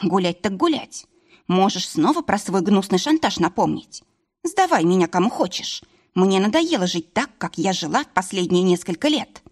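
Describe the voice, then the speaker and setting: A woman's voice: mid-range voice, very animated, moderate pace, a little mellow, husky. A woman reading an audiobook voices a stubborn, tipsy young wife with a pouty, defiant manner.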